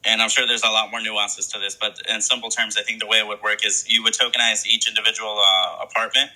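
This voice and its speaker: A man's voice: on the low side, flat delivery, moderate pace, pushed and bright, low-quality recording. A man appearing as a guest in a casual online chat, explaining things in a friendly way with many fillers. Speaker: guest co-host.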